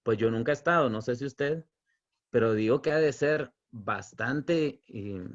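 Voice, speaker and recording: A man preaching a sermon as pastor, telling stories with light humor, slowing for emphasis and then rushing through asides. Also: medium pitch, lo-fi sound. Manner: storytelling with humor, chuckles between points; swings between emphatic stretched phrases and quick asides.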